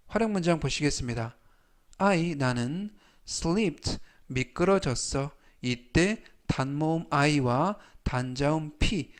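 A man teaching English vocabulary in a slow, polite, formal manner, repeating each word three times for learners. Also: a little high. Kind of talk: slow, repetitive vocabulary lesson.

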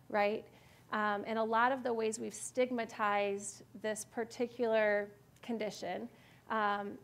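A woman's voice: a little high, creaky. A woman in her thirties giving an earnest, reflective adult education lecture in a church meeting room, often checking in with her listeners. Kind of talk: personal lecture with slides. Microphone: far camera in room.

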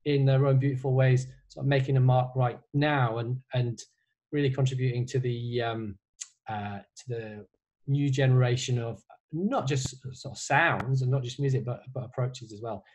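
A man's voice: medium pitch, a little mellow. A man in his fifties from Yorkshire, hosting a casual video-call chat with plenty of fillers and restarts, recorded at home on a headset mic. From Yorkshire, England. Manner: chatty, frequent fillers and restarts. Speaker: host. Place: bedroom at home.

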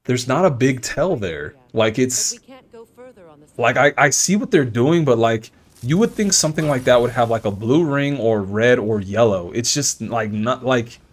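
A man giving casual live commentary on his game, swearing, thinking out loud and yelling in frustration at enemies while he chats with viewers. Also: medium pitch, animated, a little slow. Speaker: video game streamer.

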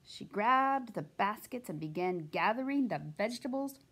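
A woman reading a children's picture book aloud in an expressive, animated way. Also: medium pitch, normal speed, slight background noise. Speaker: storytime reader.

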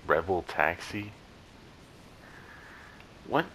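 A man's voice: deep voice, lively intonation, extremely slow, bright, forceful tone, slight background noise, poor audio. A young man in casual gameplay commentary, rambling and joking with friends on chat. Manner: rambling, joking, yelps and laughs at the game. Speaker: gameplay YouTuber.

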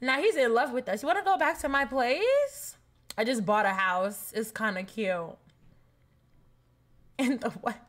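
A young woman streaming a life-sim game live, chatting with viewers and shrieking with excitement in drawn-out repeats. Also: a little high. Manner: chats with viewers, says thanks for follows. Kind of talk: casual live-stream commentary.

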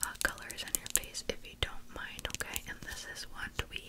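A woman in her twenties doing a soothing whispered role-play as a face painter, close to the mic, with breathy whispering, tingly mouth sounds and softly repeated words. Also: a little fast. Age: 20s. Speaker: ASMR artist playing a face painter. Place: indoor room at home. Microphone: close to the mic, face near camera.

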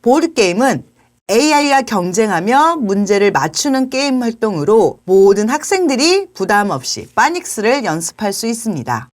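A young adult woman teacher presents an app in a polite, clearly explained script. Her voice sits a touch high and swings up and down a lot. Soft music plays quietly behind her. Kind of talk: scripted product walkthrough.

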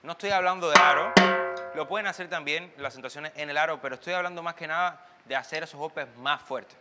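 A man with a fairly high voice talks fast in a large hall with loud music behind him. He's a timbal teacher giving a chatty, loose online lesson, swaying and moving as he talks and sometimes singing drum patterns aloud.

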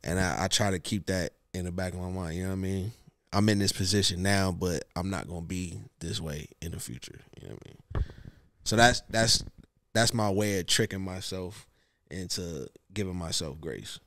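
A man co-hosting a podcast in casual chat, speaking softly and self-critically. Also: sits low, normal speed, dry recording. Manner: soft-spoken, self-critical.

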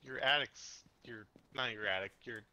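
Bright-voiced young man teasing friends. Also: mid-range voice, normal speed. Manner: teasing, laughs easily. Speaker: streamer's friend. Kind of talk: casual gaming chat with friends.

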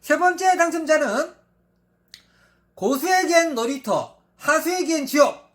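A channel host making a hyped giveaway announcement, calling out names in a drawn-out, emphatic way. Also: sits high, animated.

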